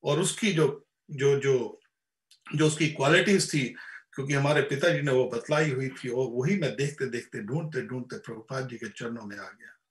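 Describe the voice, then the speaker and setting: A man giving an impassioned spiritual discourse, rising to loud emphatic peaks and often repeating words as he restarts. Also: medium pitch, normal speed, reverberant. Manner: repeats words while searching, frequent restarts. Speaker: spiritual lecturer. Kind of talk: Hindi religious discourse.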